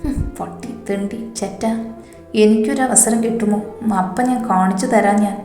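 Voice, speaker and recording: Lady reading as a hurt young husband, teasing n grumbly, low-key warm voice, roomy echo w faint music. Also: steady tone, normal speed, close to an everyday voice. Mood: muttering. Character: injured young husband, teasing and hot-tempered.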